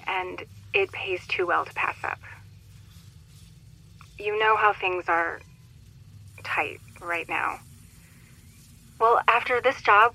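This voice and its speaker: A woman playing a young mother who pilots a cargo starship, talking warmly and apologetically in a recorded message. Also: mid-range voice, creaky, rough recording. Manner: warm and apologetic.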